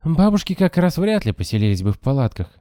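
A man's voice: fairly high pitch, big pitch swings, fast talker, mellow, no echo, studio quality, voice pushed up. A man voicing a fretful, insistent red-haired teenage girl in an audiobook. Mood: worried. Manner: worried, insistent.

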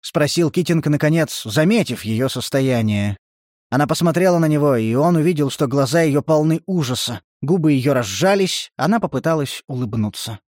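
A man reading a novel aloud as audiobook narrator, in a measured, even manner. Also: fairly high pitch, no room sound, studio quality. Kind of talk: scripted literary narration.

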